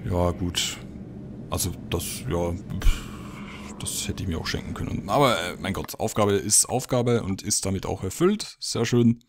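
A man's voice: low-pitched, animated, moderate pace, noisy background. A man giving casual gameplay commentary, thinking aloud and muttering his reactions as he plays. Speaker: let's play gamer.

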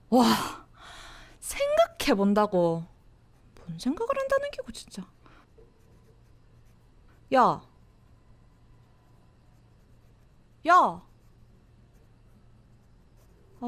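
A woman playing a teasing high-school girl friend, whispered role-play. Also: heavily acted. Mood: sulky, pleading. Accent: Gyeongsang Korean dialect. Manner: teasing, blunt, soft whispery delivery. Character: cocky teenage girl classmate, teasing and clingy. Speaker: voice actor.

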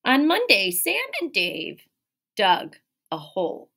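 An elementary teacher in her thirties gives an animated picture-book reading with asides, indoors in a small room near a window. Her mid-range voice swings widely in pitch and comes out slow, creaky, bright and forceful as she leans on key words and asks the children questions.

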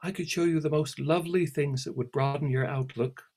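A man reading aloud and voicing a haughty, contrary young mermaid girl, bossy and careless in manner, with a slightly husky voice. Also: on the high side, fairly even intonation, a little fast, darkish tone, voice pushed up.

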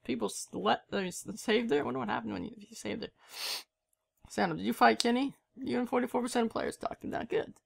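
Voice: mid-range voice, quick pace, creaky. A gamer giving casual, jokey let's-play commentary and reacting to the game.

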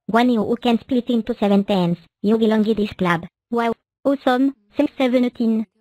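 A young woman voicing characters for a fan cartoon in a bright, playful manner, recorded at home on a webcam. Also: on the high side, normal speed.

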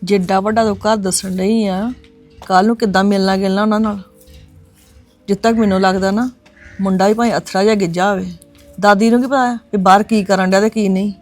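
A wary woman in a family drama series who keeps giving cautious advice, played by an actress. She speaks at an ordinary mid pitch over faint background music. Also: fairly even intonation, a little fast, a little mellow, natural voice. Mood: cautioning. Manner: cautioning, advising. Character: wary woman urging caution about a match. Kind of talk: domestic drama acting.

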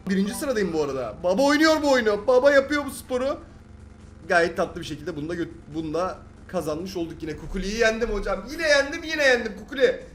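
Excitable young Turkish gaming commentator. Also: male voice, high voice, a little hiss or hum. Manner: excitable, exclaims and repeats himself when frustrated. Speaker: gaming YouTuber. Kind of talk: excited let's-play commentary.

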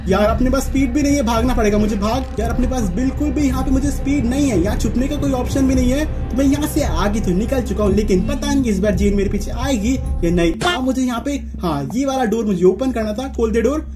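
A man's voice: high voice, warm tone. A young man giving running commentary while he plays a horror game, tense, urging himself on and yelping when caught. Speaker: gaming YouTuber.

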